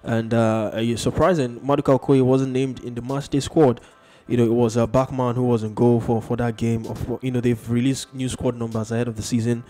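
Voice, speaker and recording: Guy hosting football talk, mellow voice, lots of uhs and you knows. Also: medium pitch, flat delivery, brisk. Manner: hesitant, many fillers. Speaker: sports show host. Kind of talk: casual sports chat.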